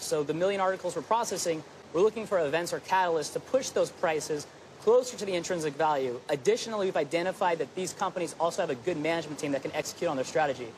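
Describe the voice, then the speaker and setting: A man's voice: fairly high pitch, slight background noise, low-quality recording. A man in his thirties explaining his company on an outdoor TV set, eager and confident. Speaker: company co-founder guest. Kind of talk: business news interview.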